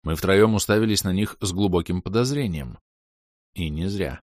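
A man reading a fantasy novel aloud in a wry, lively storytelling manner. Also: low-pitched, moderate pace, dry recording, studio quality. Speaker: audiobook narrator. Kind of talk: scripted narration.

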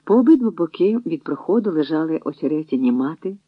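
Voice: medium pitch, expressive, quick pace, breathy edge, no room sound. Narrator reading over a tinny line. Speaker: audiobook narrator. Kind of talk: dramatic audiobook narration. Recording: dry, tinny phone-like audio.

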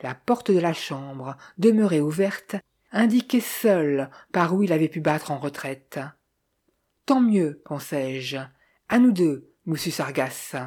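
A woman reads a detective novel aloud in the first person, keeping a measured, even storytelling pace. Her voice is low and mellow, with a husky grain. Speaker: audiobook reader.

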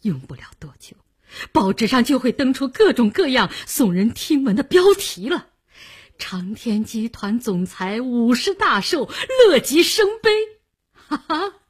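A woman's voice: a little high, a little mellow, husky, heavily acted. Woman voicing a pleading, bitter male crony. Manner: pleading then bitterly mocking, slow and drawn out. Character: desperate middle-aged male business crony.

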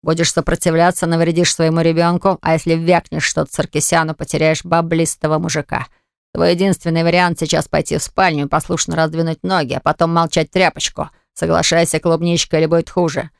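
A reader doing a smug brute of a man, low and slow, each word drawn out with menace, a gravelly edge on the voice. The audiobook sound is dry and close. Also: level tone, dry recording. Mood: menacing. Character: menacing crude male thug, smug and threatening.

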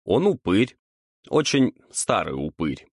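A man's voice: fairly low pitch, sing-song, takes it slowly, slightly rough, dry recording, clean studio sound, heavily acted. A man voicing an earnest, tired young male apprentice who explains patiently in an audiobook.

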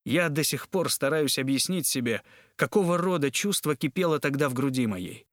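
A man reading a classic novel aloud in a measured, dramatic way. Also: mid-range voice, animated, fairly bright tone, dry recording, studio quality. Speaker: audiobook narrator. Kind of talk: literary audiobook narration.

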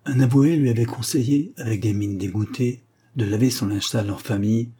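Low, husky male audiobook narrator. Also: dark tone. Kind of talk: scripted literary narration.

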